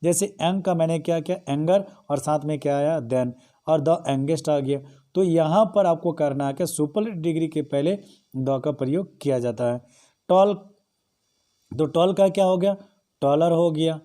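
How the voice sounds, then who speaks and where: A man's voice: on the high side, normal speed, dark tone. A young man teaching a grammar lesson, explaining in Hindi and often asking the class rhetorical questions.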